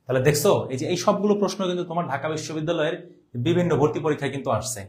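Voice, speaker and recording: A man's voice: fairly high pitch, racing, darkish tone, reverberant. A man teaching a live online class, chatty and teasing, quizzing students by name and asking if they understand. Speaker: online admission-test tutor.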